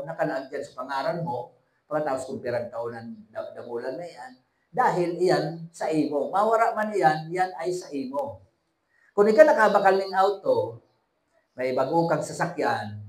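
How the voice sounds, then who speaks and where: Echoey preacher man. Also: mid-range voice. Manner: preaching with call-and-response to the congregation; switching between hushed and raised emphatic delivery. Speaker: pastor. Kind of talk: sermon.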